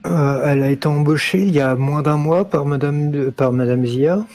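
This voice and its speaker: A man playing a tabletop game, speaking in character in a measured, explanatory way. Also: a little high, darkish tone, a little hiss or hum. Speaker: player. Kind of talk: in-character tabletop role-play.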